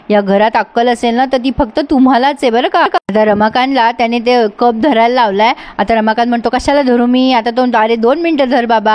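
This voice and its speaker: A woman's voice: fairly high pitch, darkish tone. A woman casually retelling a TV serial episode, chatting directly to her viewers. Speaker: serial recap narrator. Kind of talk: storytelling episode recap.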